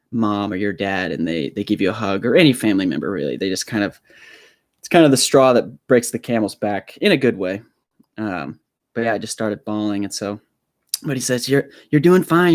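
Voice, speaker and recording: A man's voice: lowish voice, no room sound. A young man hosting his own live stream from a home room studio on a small desk microphone, telling a story in a nervous, rambling way with many fillers and restarts.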